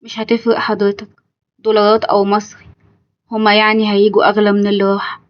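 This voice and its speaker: A woman's voice: mid-range voice, completely flat delivery, quick pace, lo-fi sound, close to an everyday voice. A woman with an Egyptian accent voicing a loving young bride-to-be who talks earnestly and pleadingly. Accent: Egyptian Arabic.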